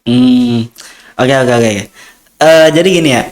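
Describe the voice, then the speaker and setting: A young adult man with an Indonesian accent, appearing as a student guest, shares his experiences in a casual interview, rambling with many fillers and acting out dialogue. His voice is medium-pitched and his pace measured.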